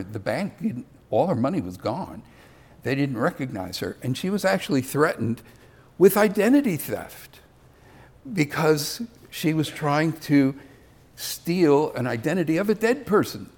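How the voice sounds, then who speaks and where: A man's voice: a little high, breathy edge. An older man giving a conversational sermon, with self-deprecating asides. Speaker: preacher.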